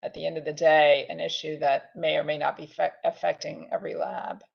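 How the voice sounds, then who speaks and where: A woman on a video call weighing a proposal, hedging and halting as she talks. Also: deep voice, little pitch movement, gravelly, husky. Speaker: committee member. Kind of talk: discussion in a video meeting. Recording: dull lo-fi audio.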